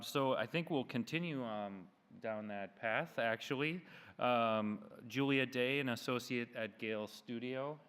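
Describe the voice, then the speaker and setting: A man moderating a session, introducing speakers in a relaxed way with many ums. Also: fairly low pitch, clean tone. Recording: reverberant hall.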